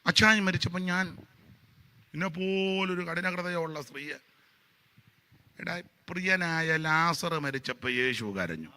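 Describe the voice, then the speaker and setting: A man preaching a sermon as pastor, building to loud emphatic peaks and dropping low for mocking asides. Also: measured pace, long pauses, clear, resonant tone.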